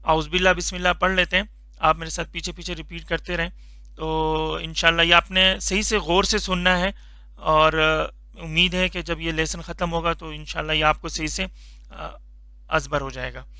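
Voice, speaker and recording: A man teaching a Quran reading lesson, slowly drawing out each letter sound for learners to repeat, patient and instructive. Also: fairly high pitch, fairly even intonation, sharp tone, smooth, dry recording. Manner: slow drawn-out recitation of letter sounds for repetition. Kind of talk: Noorani Qaida tajweed lesson.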